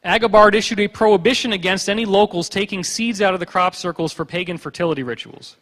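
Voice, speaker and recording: A man on stage telling stories to a hall, with a fairly high voice for a man and a long reverb trailing each phrase. He talks in a joking, animated way and slips in quick voiced asides as he moves through his slides. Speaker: conference speaker. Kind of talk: conference lecture with slides.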